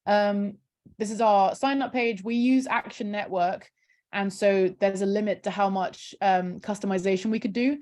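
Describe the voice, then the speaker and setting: Talking through a screen-share walkthrough in a relaxed video call interview, a female charity campaigner peppers her chat with "um" and "kind of." She has a mid-range, darkish voice with a steady tone and moves at a normal speed.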